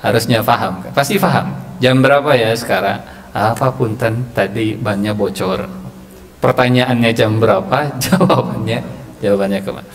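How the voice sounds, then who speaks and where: A man's voice: medium pitch, moderate pace. Man preaching in a reverberant mosque. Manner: acts out quoted dialogue in raised voices, mixes Sundanese phrases. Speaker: preacher giving a mosque study session. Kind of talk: sermon with humorous anecdotes. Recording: long hall reverb, faint ambience.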